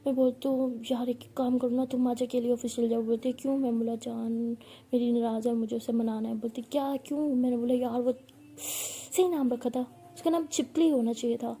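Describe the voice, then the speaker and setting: Dark-voiced woman telling a love story. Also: on the high side, fairly even intonation, moderate pace, slightly rough. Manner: tender, intimate, voices both partners in the story. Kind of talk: first-person love story narration with acted dialogue.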